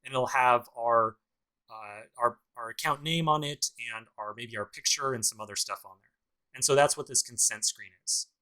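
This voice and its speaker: A man leads a casual screencast tutorial for a programming course, narrating each step and slipping in dry, sarcastic asides. He speaks at normal speed with a medium-pitched, pushed, bright voice, and the recording is low quality.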